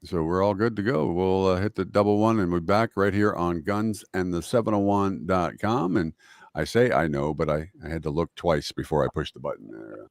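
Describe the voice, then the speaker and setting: A man's voice: low voice, moderate pace, no echo, clean studio sound. A man co-hosting a podcast in easygoing casual chat. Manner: easygoing, agreeable. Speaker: podcast co-host.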